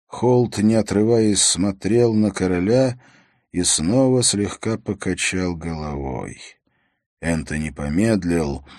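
Low-voiced male audiobook narrator. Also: darkish tone, no room sound, clean studio sound.

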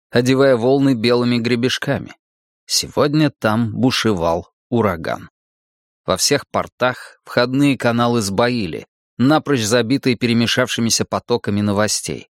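A man narrating a first-person audiobook in a measured, dramatic reading. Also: medium pitch, no room sound, clean studio sound.

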